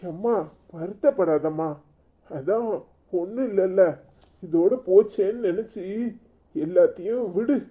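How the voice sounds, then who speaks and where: A woman voicing an injured young son in a cartoon, softly soothing his mother in a Tirunelveli Tamil accent. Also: mid-range voice, measured pace, long pauses, slightly rough, voice pushed down. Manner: soft, soothing reassurance.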